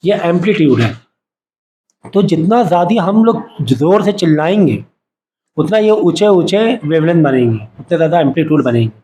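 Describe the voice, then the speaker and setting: A male science teacher lectures a classroom of students, repeatedly quizzing them with short call-and-response questions and having them repeat terms back. His voice is on the high side, animated and dark in tone, at a moderate pace, with slight background noise.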